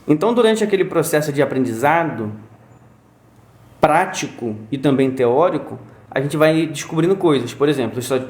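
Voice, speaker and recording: A man's voice: medium pitch, a little mellow. A father telling a story in a casual conversation. He acts out sounds and quotes as he goes. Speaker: guest, father. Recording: roomy echo.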